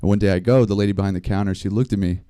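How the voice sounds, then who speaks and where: A man doing a stand-up comedy set, telling rambling stories in a deadpan way. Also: fairly low pitch, rapid-fire, smooth, no room sound, studio quality. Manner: deadpan, rambling storytelling with small laughs. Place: live comedy stream venue.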